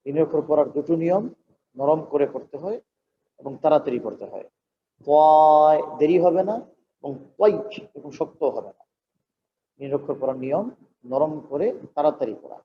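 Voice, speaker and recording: In a slow Quran recitation lesson, a man serving as imam speaks at a moderate pace with a slightly high voice and frequent pauses. Patient in his explanations, he draws the verses out at length as he chants, and the lo-fi recording is dull with faint noise.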